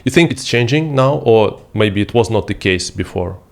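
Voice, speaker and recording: A man hosting an interview, asking questions haltingly with many "like" and "uh" fillers. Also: lowish voice, animated. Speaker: interview host. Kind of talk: casual interview questions and promo.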